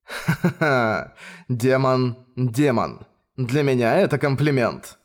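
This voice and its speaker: A man's voice: medium pitch, lively intonation, takes it slowly. A man reading the lines of a mischievous, teasing young man who plays at being a villain, in an audiobook. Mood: smug teasing. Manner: playful, smug, mock-villainous.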